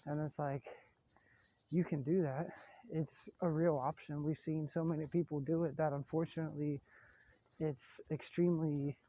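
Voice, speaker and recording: A man's voice: on the high side, steady tone, moderate pace, warm tone, slight background noise, poor audio. A young man giving an earnest, rambling self-help monologue outdoors, recorded on a phone, swearing casually. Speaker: vlogger. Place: outdoors near frogs.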